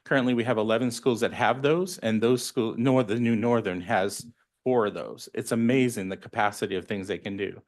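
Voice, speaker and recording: School meal program director briefing a board, low male voice, talks it through plainly with ums. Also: steady tone, fairly quick. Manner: plain explanatory, frequent ums. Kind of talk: explaining at a public board meeting.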